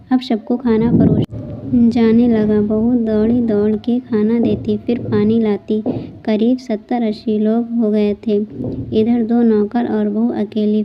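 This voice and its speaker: A woman narrating a scripted moral story in an even, measured way. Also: fairly high pitch, dull audio.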